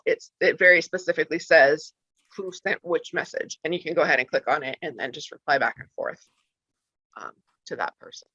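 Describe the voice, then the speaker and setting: Showing parents how school apps work, this trainer keeps things casual and stumbles through plenty of ums and restarts. She has a deep, sharp voice with no echo, captured in slightly dull lo-fi sound.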